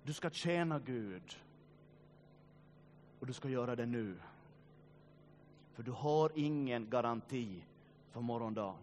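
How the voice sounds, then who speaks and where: A man preaching a sermon, swinging between loud urging and quiet, grave passages, with joking asides to the congregation. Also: mid-range voice, lively intonation, pauses often, a little hiss or hum. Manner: joking asides, addresses listeners directly. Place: church meeting.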